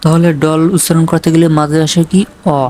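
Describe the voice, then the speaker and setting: In a monotone, darkish voice that sits a little high, a man works through English spelling and pronunciation. He spells every word letter by letter at a deliberate pace, then asks and answers his own question about its meaning.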